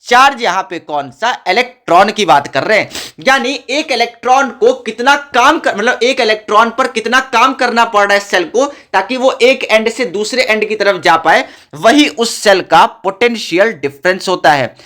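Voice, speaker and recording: A man's voice: high voice, normal speed, sharp tone. A man teaching a school physics lesson in a casual, chatty way, talking to his students like friends and mixing in English terms. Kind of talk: casual classroom explanation.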